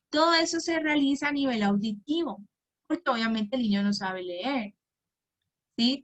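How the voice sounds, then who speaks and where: Casting: higher-pitched woman, patient homeschool teacher, clear careful articulation. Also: fairly bright tone. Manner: patient, asks "¿verdad?" and "¿sí?" often; slow, clearly articulated model words. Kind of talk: instructional talk to parents.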